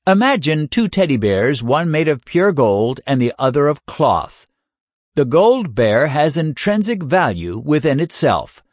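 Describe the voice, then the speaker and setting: Guy preaching a sermon, kinda high voice, earnest, slows down on the big lines, dry close mic. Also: sing-song, darkish tone, dry recording. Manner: earnest, rhetorical questions, slows for emphasis.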